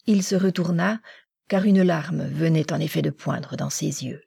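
A woman narrating a classic novel in an even, measured reading. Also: sits low, creaky, slightly rough, dry recording, clean studio sound. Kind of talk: scripted audiobook narration.

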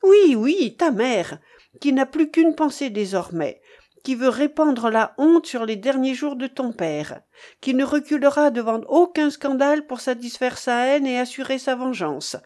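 A woman reading an aging aristocratic father in an audiobook, speaking gravely with anguished, indignant outbursts. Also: high voice, expressive, normal speed, darkish tone. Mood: bitter.

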